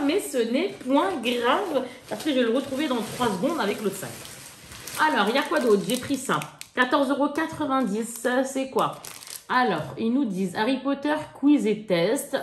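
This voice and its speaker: A woman's voice: high-pitched, lively intonation, measured pace, a little hiss or hum. A young woman in casual chat with her viewers, showing off things she bought. She talks in a slangy, chatty way and laughs often. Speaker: haul vlogger. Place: indoors at home. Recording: echoey room.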